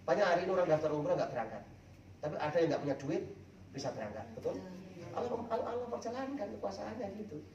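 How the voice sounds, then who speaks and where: A man, delivering a lively, joking sermon to a congregation. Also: sits high, fast, highs cut off, slight background noise. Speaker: preacher. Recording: echoey, distant hall mic.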